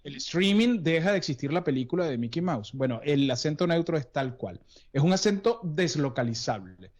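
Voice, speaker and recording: A man's voice: a little high, big pitch swings, moderate pace, darkish tone. A man who works as a voice coach, explaining things and telling stories in an interview, with frequent restarts. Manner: explanatory, anecdotal, many restarts. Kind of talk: interview conversation. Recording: dull lo-fi sound.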